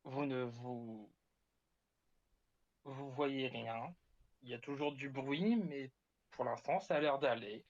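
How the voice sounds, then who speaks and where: A man running a tabletop role-playing game as game master, speaking haltingly and repeating words. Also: mid-range voice, no room sound. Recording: dull, dry lo-fi sound.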